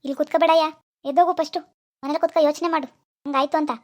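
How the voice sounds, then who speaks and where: A woman's voice: high voice, fairly even intonation, very fast, natural voice. A woman voicing an irritable male pawnbroker in a cartoon, scolding and impatient. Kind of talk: animated cartoon dialogue.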